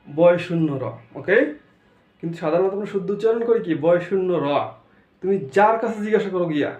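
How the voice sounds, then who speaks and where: High-voiced teacher quizzing in an echoey room. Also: male voice, mellow. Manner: quizzing, asks questions and answers himself, repeats each sound. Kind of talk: pronunciation lesson. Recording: echoey room, dull lo-fi sound.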